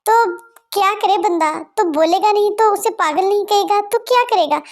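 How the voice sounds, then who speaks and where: A high-voiced performer dubbing an easygoing, supportive young male friend who talks in a calm, coaxing way. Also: moderate pace. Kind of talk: Hindi fan dub.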